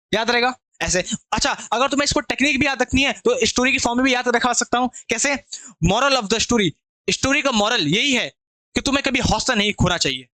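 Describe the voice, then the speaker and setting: High-voiced, bright male teacher. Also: no room sound. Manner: chatty, repetitive, asks students if they understood. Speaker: English teacher. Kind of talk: online vocabulary lesson.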